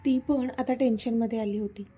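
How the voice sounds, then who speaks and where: A woman with a husky, mellow, fairly high voice narrates a romantic story, reading the dialogue without putting on character voices. Soft music plays behind her. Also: steady tone, a little fast. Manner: reads all parts in her own voice, lightly varied.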